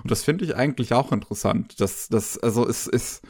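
A man's voice: medium pitch, a little fast, a little mellow. A man in casual podcast talk, hesitant and full of fillers and restarts as he reviews an anime series.

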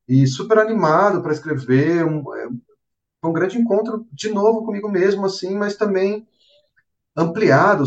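A man's voice: a little high, distant mic, highs cut off. A man with a Brazilian Portuguese accent, a novelist being interviewed, telling his story animatedly and full of fillers. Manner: animated storyteller, filler-heavy, says "cara" and "assim" often. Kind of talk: casual interview conversation.

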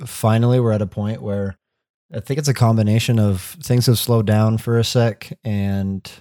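A man's voice: fairly low pitch, fairly even intonation, moderate pace, warm tone, no room sound, studio quality. A young man co-hosting a podcast in casual chat, slangy and laid-back. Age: young adult. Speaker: podcast co-host. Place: home basement.

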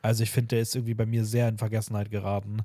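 Man, podcast host, quick rambling chat, dry close sound. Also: on the low side, flat delivery, warm tone, no room sound. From Austria. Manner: rambling, many fillers and restarts. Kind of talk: casual chat.

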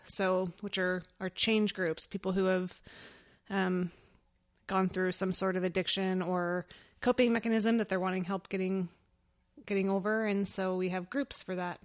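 Slightly breathless woman podcast guest. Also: medium pitch. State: slightly out of breath from late pregnancy. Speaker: podcast guest, pastor and women's ministry overseer. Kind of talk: casual podcast conversation.

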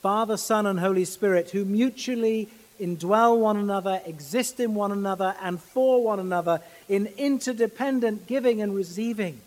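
A man preaching a sermon in a measured, earnest way, pausing to stress his words. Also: high-pitched, a little mellow, long reverb tail, rough recording. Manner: measured, earnest, with slow emphatic pauses.

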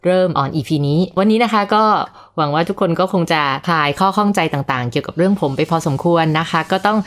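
A woman hosting a podcast, lively and exclamatory as she interviews a doctor. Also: lowish voice, fast. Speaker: podcast host.

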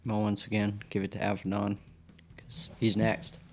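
A man's voice: on the low side, completely flat delivery, moderate pace. A man chatting casually as a player in a tabletop role-playing game.

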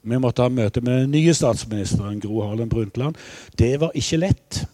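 An older man telling a personal story in a measured, reflective, somewhat halting way. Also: medium pitch, dark tone, dry recording. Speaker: spokesman for bereaved families.

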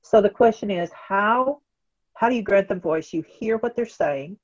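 Husky and mid-range, this voice moves at a normal pace as a guest expert on organizational change talks through ideas in an earnest, conversational way. Questions posed aloud, acted-out quotes, and a habitual "right?" run through it, captured on a dull, dry lo-fi recording.

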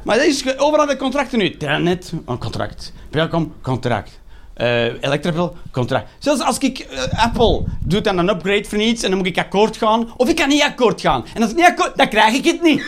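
A man's voice: high voice, big pitch swings, fairly quick, noisy background. A Flemish man in his thirties doing a sarcastic, swearing stand-up rant. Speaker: stand-up comedian.

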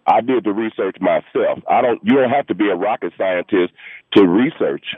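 A man's voice: lowish voice, expressive, moderate pace, breathy edge, no echo. A man calling in to a radio show over the telephone, talking in an insistent, rambling, argumentative way. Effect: heard over a telephone line. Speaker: radio call-in caller. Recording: tinny phone line, dry.

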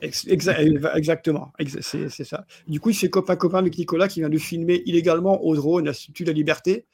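Talking films on a podcast, a male co-host keeps a steady tone as he rattles along fast, stumbling, repeating his words and chuckling throughout the casual review chat. His voice is a little high, husky and darkish with vocal fry, recorded without echo.

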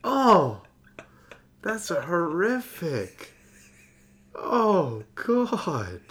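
A man hosting a casual podcast, talking crudely, his loud outburst clipping the mic into distortion. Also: sits high, huge pitch swings, extremely slow. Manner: crude, mocking banter. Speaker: podcast host.

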